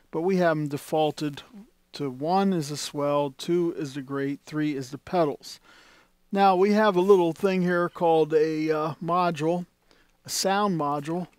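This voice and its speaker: Indoors at an organ console, a man demonstrates an organ in a shop. His voice is a little high and a little mellow with a clean tone on a dry recording, and his casual talk rambles with many fillers and restarts.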